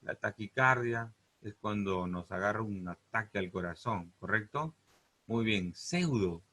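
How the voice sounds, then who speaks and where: In this classroom lesson on Greek roots, a Peruvian Spanish-accented male teacher lengthens important words and keeps asking "¿correcto?" and "¿te das cuenta?". He speaks in a lowish, bright voice, a little slowly and with forceful tone.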